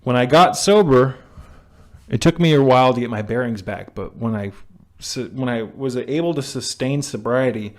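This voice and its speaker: A man's voice: mid-range voice, moderate pace. A young man talking straight to his camera about staying sober, blunt and preachy, with frequent restarts and the odd swear word. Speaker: vlogger on sobriety. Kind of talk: direct-to-camera self-help talk. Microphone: camera mic.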